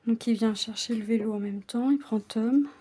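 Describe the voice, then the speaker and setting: Mellow-voiced woman chatting while she stitches. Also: fairly high pitch, normal speed, breathy edge. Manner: stumbles over words, drops into soft whispered asides. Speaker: cross-stitch vlogger. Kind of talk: casual chat while stitching.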